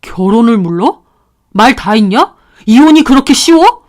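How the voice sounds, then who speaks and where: A cold, sneering husband, as a woman narrator plays him, speaking in a flat, belittling tone. His voice stays near the storyteller's own, with no real deepening, only a curt, dismissive edge. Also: normal speed, close to an everyday voice. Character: blunt, sneering husband, a man.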